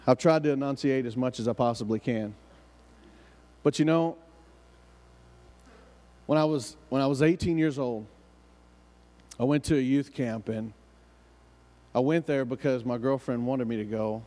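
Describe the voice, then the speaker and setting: A man's voice: medium pitch, moderate pace, pauses often, dark tone. A man with a Southern US hillbilly accent preaching a sermon with emphatic repetition and rhetorical questions. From southern United States. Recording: reverberant hall.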